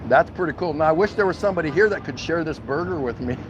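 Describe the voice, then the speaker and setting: An American man from Milwaukee, with a high-side voice and lively intonation, talks fast as a folksy vlog host. He chats casually and jokily to his viewers outdoors at a city food truck, with dull audio and background noise.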